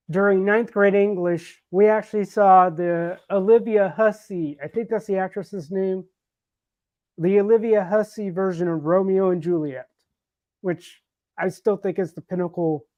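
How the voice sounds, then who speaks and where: A man's voice: sits high, measured pace, long pauses, no room sound. An American man co-hosting a casual livestream chat, thoughtful and rambling, with restarts. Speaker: livestream co-host. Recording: dull, lo-fi stream audio.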